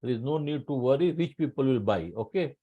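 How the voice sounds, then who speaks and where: A middle-aged man with an Indian accent giving a training talk on tax law, speaking slowly and emphatically, repeating key points and mixing Hindi with English. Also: medium pitch, animated, narrow, tinny audio. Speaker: insurance trainer.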